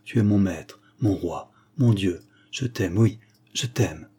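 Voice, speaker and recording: A man's voice: sits low, takes it slowly, dark tone, husky, full character voice. A man reading the lines of a passionate young woman in love, in an ardent, pleading way.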